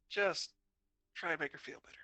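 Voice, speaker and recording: A man playing a tabletop game over a voice call, chatty with quick asides. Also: a little high, sharp tone, no echo. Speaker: player. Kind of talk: casual play over a voice call.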